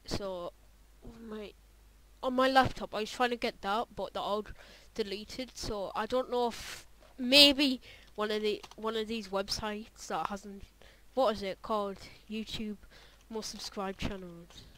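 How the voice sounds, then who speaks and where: A young woman talking through a casual reaction vlog, rambling and hesitant, full of fillers and half-finished thoughts. Her voice is bright and forward, and her pitch sits in an ordinary middle range. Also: a little slow, low-quality recording. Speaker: YouTuber reacting to her old videos.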